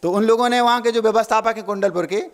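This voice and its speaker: A man's voice: high voice, fast talker, long reverb tail. A man, a Jain monk, giving a sermon, playing with word meanings and asking his listeners questions. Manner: playful wordplay, asks the audience questions.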